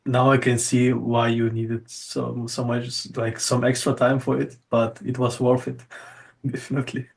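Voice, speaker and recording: A man's voice: medium pitch, little pitch movement, measured pace, gravelly. A man hosting an online poetry session, chatting casually and hesitantly, often repeating words as he thinks. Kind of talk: casual group chat.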